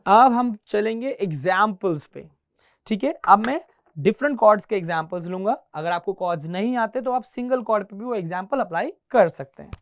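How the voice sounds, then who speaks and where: A man's voice: high-pitched, expressive, brisk. A male guitar teacher giving a classroom lesson, counting beats aloud and mixing Hindi with English. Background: faint guitar playing.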